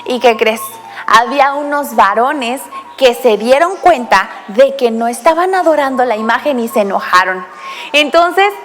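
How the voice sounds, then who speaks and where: A woman giving a children's Bible lesson, speaking straight to the child with many questions and lively storytelling. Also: high voice, big-room sound. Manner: addresses the child directly with frequent questions; animated storytelling.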